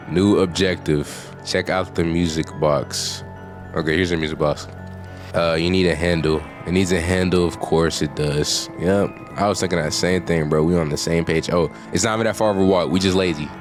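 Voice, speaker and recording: A man giving casual, slangy gameplay commentary, reacting out loud in an animated way. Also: deep voice, normal speed, music in the background. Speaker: gaming video creator.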